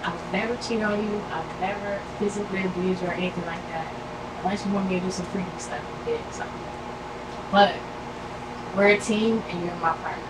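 A woman's voice: fairly low pitch, a little fast. Teasing young woman, distant and roomy. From Atlanta area. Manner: playful, teasing, relaxed drawl. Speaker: girlfriend giving a promise ring. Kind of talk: casual vlog chat. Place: small wooden cabin room, indoors. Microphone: camera mic from across the room. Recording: roomy, distant, noisy cabin recording.

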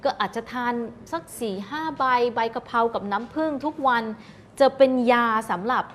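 A woman's voice: fairly high pitch, animated, moderate pace, slight background noise. A woman guest on a TV talk show, explaining health advice politely and patiently, mixing English terms into her speech. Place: TV studio.

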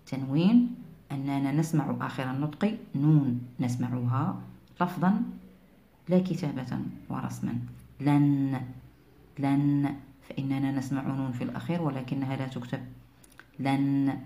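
Woman, teacher, very deep voice, dark tone, slow clear repetitions, echoey room. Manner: slow, clear, repeats each sound twice. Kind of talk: reading and writing lesson for beginners.

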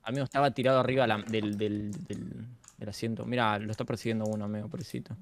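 A man with an Argentine accent playing a game with friends, exclaiming and complaining loudly in casual chat. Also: fairly low pitch, level tone, quick pace. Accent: Argentine Spanish. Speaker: guest player.

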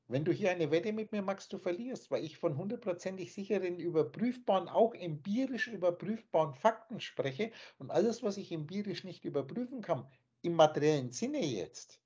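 A man's voice: high voice, dark tone, breathy edge. A man teaching in an emphatic, scornful lecturing manner, speaking over a video call. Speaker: spiritual teacher. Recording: dull lo-fi online call audio.

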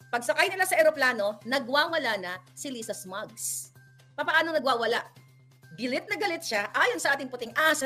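A woman's voice: high voice, bright, forceful tone. A woman hosting a gossipy political commentary vlog, chatty and mocking, using teasing nicknames and laughing often. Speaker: vlog host.

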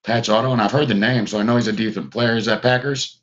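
A man's voice: on the low side, fairly even intonation, quick pace, fairly bright tone, highs cut off. A man hosts a live trading card break, chatting casually and talking to viewers by name as he opens packs.

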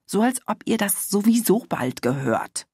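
A woman's voice: low voice, lively intonation, moderate pace, no room sound, studio quality. Woman doing an outraged, gossipy middle-aged mother. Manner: agitated, voice cracking with outrage.

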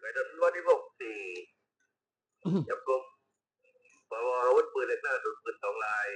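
A man's voice: mid-range voice, fairly even intonation, moderate pace, a bit bright, rough recording. A male police officer making a formal report over a walkie-talkie radio, in clipped, procedural phrasing.

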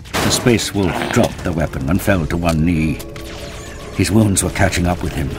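This low-voiced man narrates a scripted action audio drama dramatically, in a grave and measured storytelling style.

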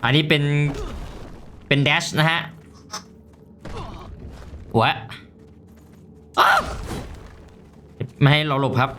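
A young man giving casual, excitable commentary while playing a mobile game, loud and swearing often. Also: fairly high pitch, very slow, long pauses, slight background noise.

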